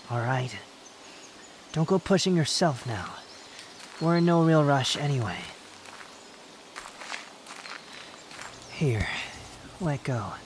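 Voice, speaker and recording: A man playing a prideful, sharp-tongued puppet wanderer with a secret fondness, speaking to the listener in a roleplay audio drama, haughty and unhurried. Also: a little high, a little hiss or hum. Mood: gentler, calm.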